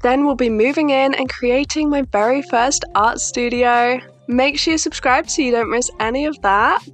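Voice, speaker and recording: A woman's voice: high voice, moderate pace. Chatty young woman vlogging in echoey rooms. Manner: chatty and upbeat, talking to camera. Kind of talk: casual vlog narration. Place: empty small house, indoors. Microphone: handheld camera at arm's length.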